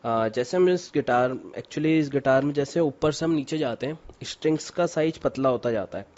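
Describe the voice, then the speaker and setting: Guitarist explaining in simple, repetitive words. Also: male voice, medium pitch, normal speed, darkish tone. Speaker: guest guitarist. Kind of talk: casual explanation. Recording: dull lo-fi sound with faint music.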